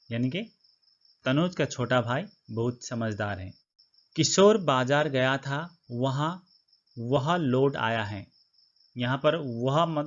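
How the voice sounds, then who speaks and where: A man teaching a Hindi grammar lesson, explaining step by step and asking his own questions before answering them. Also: medium pitch. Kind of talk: classroom-style grammar lesson. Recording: slightly dull lo-fi recording.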